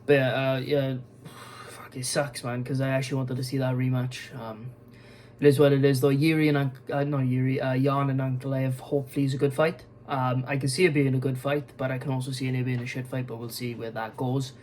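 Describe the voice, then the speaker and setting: A man's voice: medium pitch, level tone, fairly quick, a little mellow, slight background noise, rough recording. A young man talking casually as an MMA video host, rambling with many fillers, restarts and frequent swearing, tired and yawning. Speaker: MMA YouTuber. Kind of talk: casual news commentary vlog.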